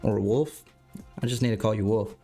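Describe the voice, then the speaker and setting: A man's voice: fairly low pitch, steady tone, moderate pace, dark tone. Stuffed up guy streaming a game, rambly, keeps correcting himself, bit of music behind. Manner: rambling, self-correcting, chatty with viewers. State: stuffed up, clearing throat. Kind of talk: casual livestream commentary.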